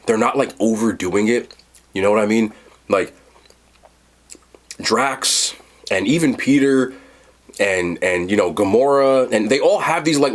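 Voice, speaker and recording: A man with a medium-pitched voice gives an unscripted, casual review of food and a movie, rambling and blunt, using slang and swearing offhandedly.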